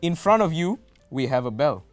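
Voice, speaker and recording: A man's voice: on the high side, very animated, moderate pace, faint music behind. A young man hosting a student game show, playful with jokey asides. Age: young adult.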